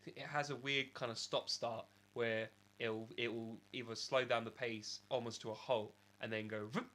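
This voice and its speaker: An English man co-hosts a podcast in casual chat, his mid-range voice slightly rattly after recently recovering from an illness. His intonation stays fairly even and his pace moderate, with a sharp tone, as he rambles and keeps restarting sentences.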